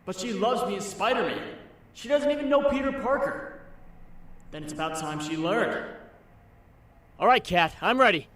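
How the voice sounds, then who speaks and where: A man's voice: high voice, animated, normal speed, pauses often, a bit bright, rough recording. A man voicing an earnest, self-doubting and wry young superhero in a comic book dub, with theatrical delivery. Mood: torn, anxious.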